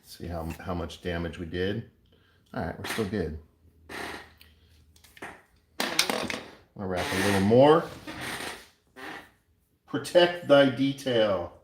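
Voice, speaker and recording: A man talks through his craft work at a slow, easy pace in a deep voice, relaxed and chatty, tossing in playful sound words. His voice rings around an echoey room with steady background noise behind it. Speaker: coin ring maker. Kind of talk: casual workshop narration.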